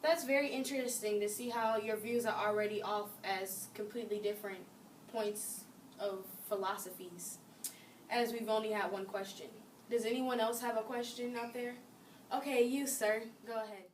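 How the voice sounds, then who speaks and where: A woman's voice: on the high side, fairly even intonation, moderate pace, lightly acted. A young woman playing an upbeat female moderator in a class-project mock debate, chatty and friendly. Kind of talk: amateur class-project role-play. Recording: echoey room, mic far off, faint noise.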